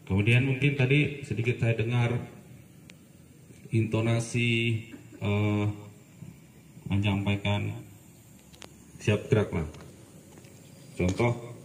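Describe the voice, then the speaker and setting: A man's voice: lowish voice, fairly even intonation, slow, pauses often. Man, lecturing students, firm, corrective, assembly speech, distant mic, noisy. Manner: firm and corrective, with casual asides. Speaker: speaker addressing students at a school assembly. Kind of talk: lecturing, giving instructions. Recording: echoey, far from the mic, noisy.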